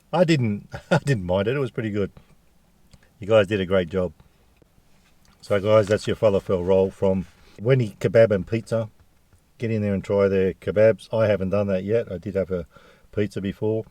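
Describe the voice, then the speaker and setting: A man's voice: on the low side, a little fast, long pauses, mellow, no room sound. A man with an Australian accent chatting casually to viewers as a food review vlogger, jokey and full of slang.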